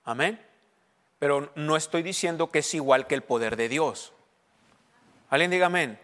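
A man's voice: on the high side, normal speed, a bit bright. A man preaching a bilingual sermon in Spanish and English, often asking his congregation questions and reading scripture aloud. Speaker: pastor. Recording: long hall reverb.

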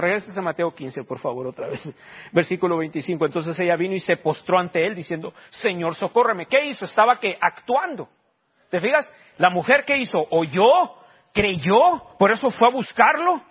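A man's voice: high-pitched, breathy edge. A man, preaching a sermon and questioning his congregation in emphatic rising bursts. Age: 40s. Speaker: pastor. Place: church. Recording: dull lo-fi sermon recording.

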